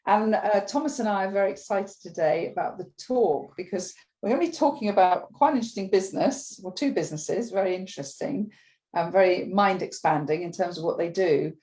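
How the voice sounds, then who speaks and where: A woman hosting a livestreamed business chat, enthusiastic and talking with frequent ums and pauses. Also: mid-range voice, mellow, poor audio. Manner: enthusiastic, hesitant with many ums. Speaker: host.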